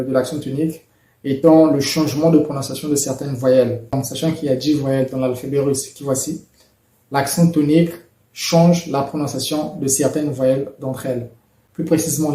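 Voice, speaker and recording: A man explaining pronunciation rules in a measured, methodical lesson, with occasional fillers. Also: medium pitch, warm tone, echoey room. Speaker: language teacher.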